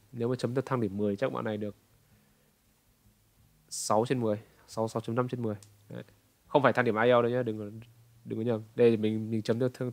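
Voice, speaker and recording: A man in his twenties from Vietnam, correcting pronunciation and repeating words slowly to demonstrate. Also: medium pitch, dry recording. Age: 20s. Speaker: pronunciation coach. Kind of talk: reaction commentary correcting pronunciation.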